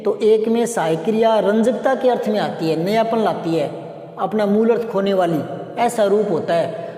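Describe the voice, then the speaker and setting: A man's voice: high-pitched, mellow. A man teaching a grammar lesson, explaining by repeating example sentences. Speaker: Hindi teacher. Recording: echoey room with long reverb.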